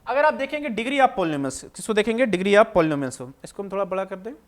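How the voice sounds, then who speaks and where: A man. He keeps asking the class questions and answering them himself, repeating each point in a patient, drawn-out way. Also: high-pitched, lively intonation. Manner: repetitive, asks students questions then answers them. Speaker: maths teacher. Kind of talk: classroom lecture explaining on screen.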